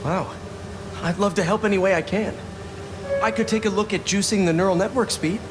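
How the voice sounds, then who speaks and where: A man's voice: sits high, fairly even intonation, fairly quick, background noise, lightly acted. An actor playing a friendly, brainy young male science whiz in a video game, casual and earnest. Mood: eager. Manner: casual, earnest, musing to himself.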